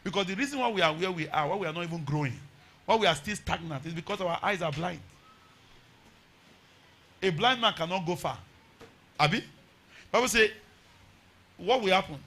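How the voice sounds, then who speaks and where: A man's voice: high voice, bright, forceful tone. A man with a Nigerian accent preaching a revival sermon, exhorting emphatically with repeated phrases and rhetorical questions.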